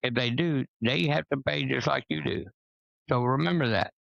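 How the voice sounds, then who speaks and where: A gravelly, rough-edged man with a twang talks bluntly and preaches his opinions, swearing as he goes. The sound is dry and a little dull, like a lo-fi recording. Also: medium pitch, normal speed, fairly bright tone, dry recording. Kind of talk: casual opinionated chat.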